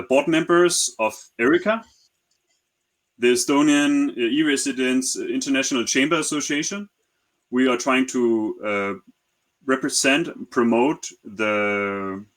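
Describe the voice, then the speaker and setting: A startup founder gives a webinar talk in a mid-range, slightly bright voice. He sounds hesitant, stumbling through repeated words and lots of "uh"s.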